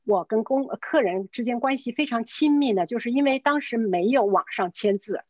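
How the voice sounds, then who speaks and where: A woman's voice: on the high side, fairly quick, no echo, muffled recording. A middle-aged woman, a real estate agent, casually telling a story and acting out the dialogue, mixing in English words. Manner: lively, acts out quoted dialogue; mixes English words into her speech. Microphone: video call.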